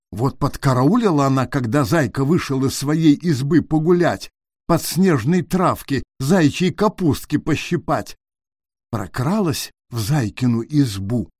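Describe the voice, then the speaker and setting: Slow sing-song male storyteller. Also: mid-range voice, darkish tone, breathy edge, no echo, studio quality. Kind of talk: storybook narration.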